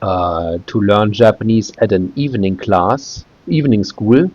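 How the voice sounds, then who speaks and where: A native German speaker in his thirties, working as a video creator, gives a casual English walkthrough of a website on screen, hesitant and peppered with fillers and restarts. He has a lowish, a little mellow voice, animated and at a measured pace, in lo-fi sound with no echo.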